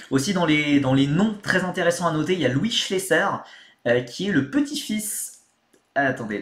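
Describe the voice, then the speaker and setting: A man's voice: mid-range voice, a bit bright. Rambling male streamer in an echoey room. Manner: rambling, many fillers, thanks viewers mid-sentence. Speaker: motorsport streamer. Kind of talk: casual live-stream chat.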